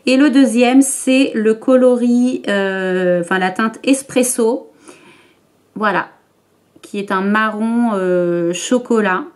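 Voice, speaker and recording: A woman beauty vlogger explains her makeup step by step to the camera in a relaxed, chatty way. Her voice sits a little high, and she speaks slowly. She often stops for fillers and restarts her sentences. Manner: chatty, hesitant with many fillers. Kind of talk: makeup tutorial talk to camera.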